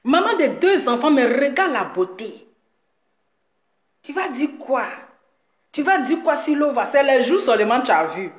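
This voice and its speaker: A woman talking straight to her viewers in a boastful, mocking rant, teasing her critic with drawn-out words and frequent laughs. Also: high-pitched, big pitch swings. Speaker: video blogger addressing her audience. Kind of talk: boastful direct-to-camera rant. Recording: echoey room.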